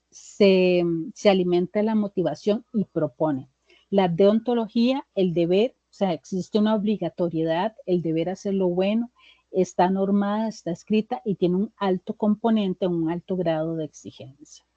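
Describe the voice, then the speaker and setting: A woman's voice: medium pitch, warm tone, no room sound, highs cut off. A woman tutor giving a lecture in an online tutoring session, explaining step by step and checking in with her students.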